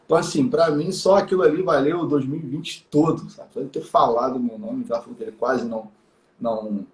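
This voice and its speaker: A man's voice: medium pitch, fairly even intonation, fairly quick. A man chatting casually on a live stream as co-host, rambling with lots of fillers and tag questions. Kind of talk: casual chat. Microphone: live stream call mic. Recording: echoey room.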